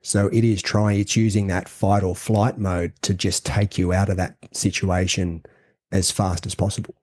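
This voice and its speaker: A man co-hosting a casual podcast conversation, explaining ideas in a halting way with many restarts and fillers. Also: low voice, level tone, darkish tone, no echo, clean studio sound. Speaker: co-host.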